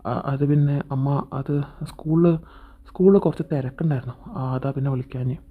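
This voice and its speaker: A woman's voice: a bass voice, husky, pitched below the performer's own voice. A woman voicing a young male schoolteacher who stammers and hesitates. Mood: hesitant. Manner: halting, stammering. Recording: tinny phone-like sound. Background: faint background music.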